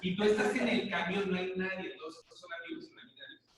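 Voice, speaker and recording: A man's voice: sits high, fast talker, background noise. A middle-aged man with a Mexican accent giving a live conference talk, telling jokey stories and checking in with the audience. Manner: joking storyteller who checks in with the audience. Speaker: lecturer on body language. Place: large echoey lecture hall. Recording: echoey hall, voice from far off.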